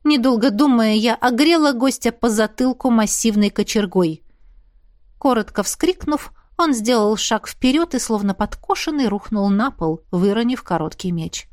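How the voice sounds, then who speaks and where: A woman with a fairly high voice narrates a first-person audiobook. Her reading is lively and expressive. The recording is dry and close to the mic. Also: moderate pace, no echo.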